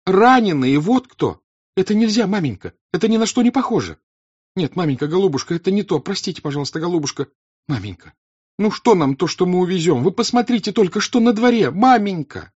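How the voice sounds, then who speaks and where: Man putting on a shrill furious young noblewoman. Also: animated, a little fast, a little mellow, slightly rough, highs cut off. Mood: furious pleading. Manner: shrill, indignant outbursts.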